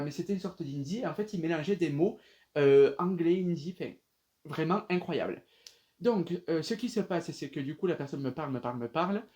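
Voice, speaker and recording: Young guy rambling thru a storytime, voice a bit on the high side, lots of "euh". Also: darkish tone. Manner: rambling, many fillers and restarts; addresses viewers directly. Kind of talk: casual storytime.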